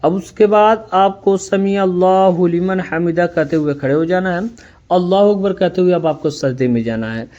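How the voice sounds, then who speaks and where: A man giving a step-by-step religious lesson on how to pray, explaining each step plainly and reciting the prayers slowly. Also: high-pitched, darkish tone. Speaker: religious instructor. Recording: dull lo-fi audio.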